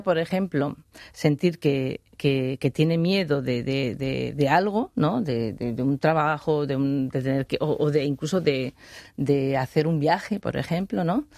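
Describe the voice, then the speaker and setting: Lowish dry-voiced woman, reflective interview talk. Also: a little mellow, no room sound. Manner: thoughtful, trails off with many fillers and "¿no?". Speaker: guest, voice and free singing teacher. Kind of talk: relaxed interview answers.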